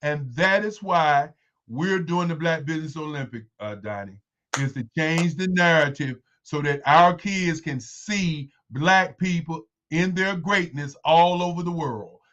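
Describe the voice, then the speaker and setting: Insistent older man, high voice. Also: a little slow, a bit bright, lo-fi sound. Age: 60s. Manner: emphatic and repetitive, insistent. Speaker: guest. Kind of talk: casual interview chat.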